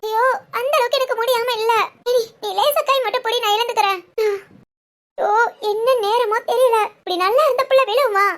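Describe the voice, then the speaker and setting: A woman's voice: very high voice, steady tone, brisk. A woman voicing all the characters of a village family drama, fussing and crying out in alarm. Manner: emotional, fussing, with cries of alarm.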